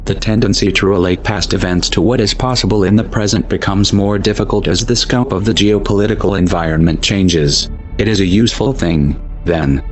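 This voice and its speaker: A man reading a solemn scripted manifesto in a disguised deep voice run through a voice changer, with measured, declaiming delivery. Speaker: anonymous message speaker. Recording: voice over a loud music bed. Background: music.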